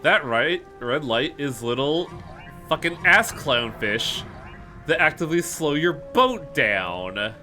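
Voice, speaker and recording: A man streaming a game with blunt, sweary, casual commentary. His voice is bright and forceful with animated intonation, and music plays faintly behind it. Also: a little high, slow pace. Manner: profane, blunt.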